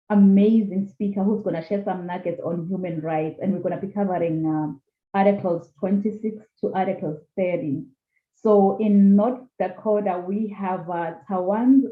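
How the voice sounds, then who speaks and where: Upbeat woman host on an echoey call. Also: mid-range voice. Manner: upbeat, welcoming, formal reading of a disclaimer. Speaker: podcast host. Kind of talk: online talk show hosting. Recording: echoey, tinny phone-like call audio.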